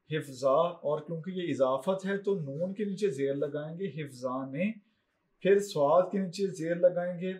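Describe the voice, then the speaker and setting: Male teacher, Pakistani Urdu accent, patient dictation pace for a recorded lesson, warm mellow tone. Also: on the high side. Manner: slow, step-by-step dictation.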